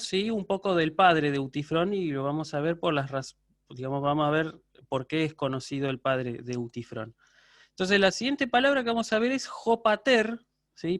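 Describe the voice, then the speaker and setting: A man's voice: fairly high pitch, fairly bright tone, no room sound, studio quality. A man with an Argentine Spanish accent, giving a university class online, explaining patiently and checking constantly that students follow. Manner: answers student questions live. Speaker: university lecturer.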